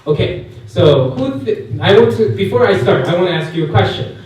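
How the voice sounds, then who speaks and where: His voice is high and a little mellow, with lively intonation and a fairly quick pace: a Korean-accented man from Korea in his thirties, chatting personally with a youth camp crowd as a guest speaker. He asks the audience questions and fills his speech with many fillers, captured by a far-off mic in an echoey hall with faint noise.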